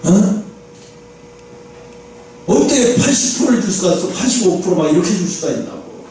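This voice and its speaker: A man's voice: sits high, lively intonation, normal speed, warm tone. A male pastor preaching a sermon in a church, talking conversationally and asking his listeners rhetorical questions. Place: church sanctuary. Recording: echoey church hall from far off, faint noise.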